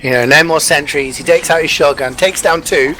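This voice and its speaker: A man's voice: fairly high pitch, steady tone, brisk, pushed and bright, a little hiss or hum. A man working as an esports caster, giving live play-by-play and analysis of a match.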